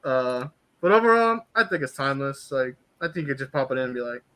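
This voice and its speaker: A man's voice: mid-range voice, expressive, brisk, fairly bright tone. A man in a casual group chat who talks animatedly, acting out quotes with lots of fillers.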